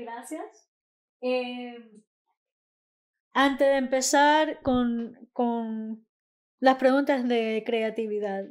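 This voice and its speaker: Woman podcast host; slightly high, unhurried, halting speech with fillers and words mixed in. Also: darkish tone. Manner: hesitant, with fillers and mixes in English words. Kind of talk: casual podcast interview.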